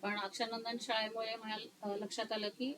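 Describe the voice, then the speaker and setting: A woman counselor talking through her career in an interview, slow and thoughtful with many pauses. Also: on the high side, level tone, a crowd in the background, poor audio.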